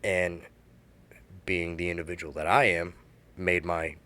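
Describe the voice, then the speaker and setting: A man in his thirties telling a candid personal story, halting and emotional, with many restarts. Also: deep voice, flat delivery, sharp tone, smooth.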